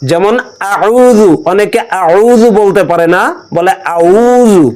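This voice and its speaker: A male Quran teacher leading a call-and-response pronunciation lesson, stretching each sound slowly for a class to repeat. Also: high-pitched, a little mellow.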